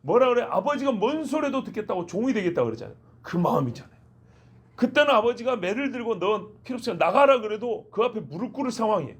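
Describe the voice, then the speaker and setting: A male pastor delivers a dawn prayer sermon in a fairly high, husky voice. He keeps breaking into brief acted-out dialogues, changing his tone for each imagined speaker. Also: big pitch swings, fast. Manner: acts out little quoted exchanges in shifting voices.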